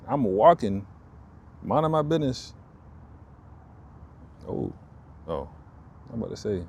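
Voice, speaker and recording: Low-voiced man rambling through a story. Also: slight background noise. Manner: rambling, repeats himself, animated retelling. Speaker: vlogger. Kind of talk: casual storytelling vlog. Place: outdoors in a park.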